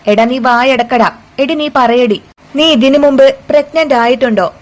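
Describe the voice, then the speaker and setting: A woman reads out a domineering middle-aged mother-in-law, harsh and demanding as she interrogates. The voice sits a touch high. It is a told story rather than a staged drama. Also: unhurried. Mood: angry.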